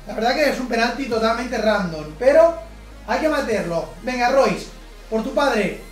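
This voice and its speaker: A man, a gaming YouTuber doing live gameplay commentary. He gets excited easily, shouts at big plays and groans often. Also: extremely high pitch, moderate pace, roomy sound, distant mic, soft background music.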